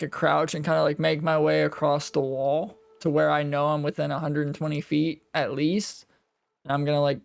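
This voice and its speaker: A man's voice: fairly high pitch, creaky, clear, resonant tone. A man playing a tabletop role-playing game, talking casually and directing the group. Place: online voice call. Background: background music.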